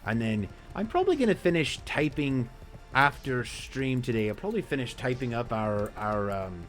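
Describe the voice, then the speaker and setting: A man's voice: mid-range voice, sing-song, moderate pace, soft background music. A young man co-hosting a casual gaming stream, cracking puns and laughing at his own jokes. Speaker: streamer co-host.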